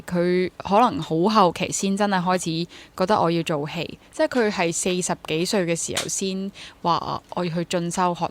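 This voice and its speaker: Here a stage actor and drama teacher in her twenties is being interviewed, her Hong Kong Cantonese accent coloring a casual, reflective delivery sprinkled with English words. Her voice runs on the low side, with slight background noise in the clip.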